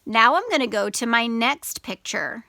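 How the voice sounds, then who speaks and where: A woman with a fairly high, bright voice teaches young children. She explains each step in simple, deliberate phrases and leans on example words and sounds. The recording is close and dry. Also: animated, dry recording. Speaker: elementary school teacher. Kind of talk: instructional lesson for young children, demonstrating step by step. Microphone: video camera.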